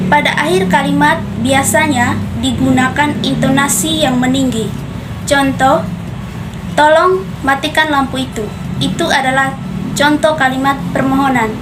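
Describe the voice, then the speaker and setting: Young woman student reading class definitions, high voice, traffic noise behind. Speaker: student presenter.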